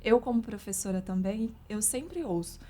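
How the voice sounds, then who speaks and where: A woman with a Brazilian Portuguese accent, a teacher speaking calmly in a panel discussion. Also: mid-range voice, moderate pace.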